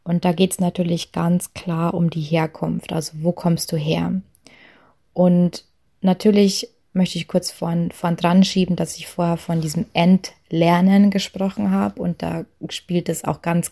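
In a talk on authenticity at work, a young woman from Lower Bavaria, Germany, goes over coaching points in a relaxed, chatty way with a light Bavarian accent. Her slightly low voice has a gravelly fry and a dark, mellow tone. She leans on frequent fillers, small asides, and soft laughs.

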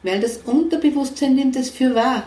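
A woman's voice: high-pitched, moderate pace, dark tone. A woman, a guest coach telling earnest stories and quoting others in a conversational interview. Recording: roomy, somewhat distant mic.

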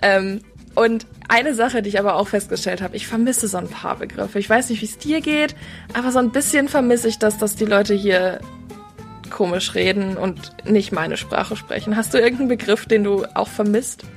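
A young woman, a student, chats casually on a campus radio show. She tells her stories in a relaxed, amused way. Her voice sits at an everyday middle pitch. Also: moderate pace, faint music behind. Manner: chatty, amused storytelling. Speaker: student co-presenter. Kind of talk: casual chat.

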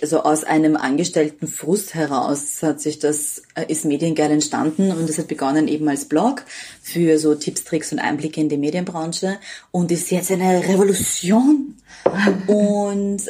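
A woman appearing as a podcast guest, introducing herself in relaxed casual chat and laughing easily. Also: low voice, slightly rough. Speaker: podcast guest, media mentor.

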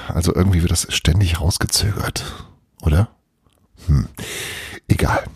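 A man's voice: deep voice, a little slow, creaky, slightly rough, dry recording, studio quality. A man reading a children's advent story aloud, then chatting casually about it as host. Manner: expressive, hushed at times, chatty aside.

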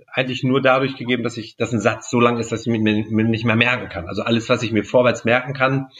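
A man being interviewed as a guest, explaining at length in a measured way with frequent fillers. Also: medium pitch, a bit bright, dull audio. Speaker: guest speaker and magician. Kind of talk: podcast interview answers.

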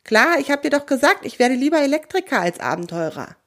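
A woman voicing a timid but curious little male creature, talking in an anxious, squeaky, high voice in a children's audio story. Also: sing-song, a little fast, a bit bright, exaggerated voice. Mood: worried, eager.

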